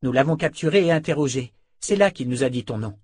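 A man voicing a resolute young woman inquisitor in an audiobook, speaking in a steady, measured way. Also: mid-range voice, dry recording, clean studio sound, voice pushed up, natural voice. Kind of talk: audiobook character voice.

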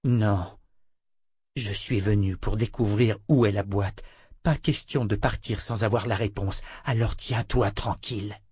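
A man reading a calm, steady young man's lines in an audiobook, speaking low and reassuring. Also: measured pace, slightly rough, no room sound. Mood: firm. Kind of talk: audiobook character voice.

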